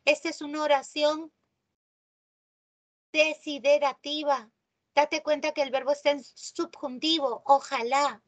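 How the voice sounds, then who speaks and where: A woman teaching a live online grammar class. She often checks in with her students and stresses key terms slowly. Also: high-pitched, steady tone, highs cut off. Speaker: language teacher.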